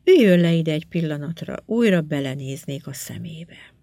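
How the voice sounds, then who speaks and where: A woman reading the lines of a sympathetic, sad woman doctor, speaking quietly and kindly. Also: low voice, lively intonation, dry recording. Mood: gently concerned. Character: kind, sad woman doctor, middle-aged.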